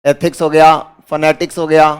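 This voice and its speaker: A man's voice: fairly high pitch, level tone, normal speed, clean tone. A man with an Indian accent giving a grammar lecture in a classroom, who asks his students questions and then answers them himself. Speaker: English teacher.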